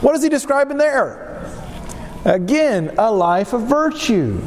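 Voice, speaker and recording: Stuffed up with a cold, this man delivers a Bible lesson in an extremely high voice that swings widely in pitch, his pace a little slow and his nose audibly blocked. He hammers home points through repetition and rhetorical questions, while a long echo fills the hall over faint background noise.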